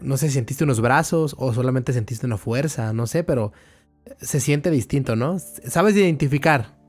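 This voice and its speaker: A man's voice: medium pitch, moderate pace, faint music behind. A man hosting a podcast, asking questions and reasoning aloud in casual talk. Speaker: podcast host. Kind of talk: casual interview.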